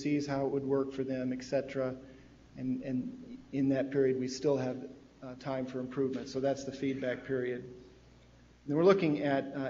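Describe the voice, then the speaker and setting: A man's voice: mid-range voice, mellow. A man presenting a policy timeline at a public meeting, explaining steadily with frequent fillers. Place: meeting room. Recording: dull, faintly noisy, long hall reverb.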